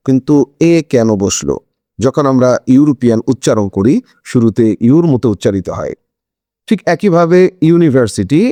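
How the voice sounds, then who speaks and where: A man's voice: on the high side, warm tone, no echo, clean studio sound. A man teaching an English grammar lesson in a video, explaining step by step and asking questions that he answers himself.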